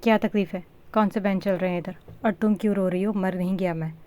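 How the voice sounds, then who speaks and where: A hot-tempered, arrogant young man from a storybook reading, every line mocking, as a woman narrator puts him on. The voice stays low and close to the reader's own. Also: fairly even intonation, fairly quick, warm tone, natural voice. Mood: irritated.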